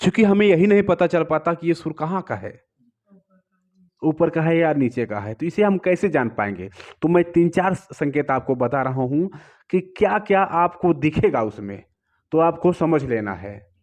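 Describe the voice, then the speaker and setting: A man's voice: a little high, expressive, moderate pace, a little mellow. A man teaching a music lesson, explaining notes patiently and often asking his students questions. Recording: slightly dull, lo-fi sound.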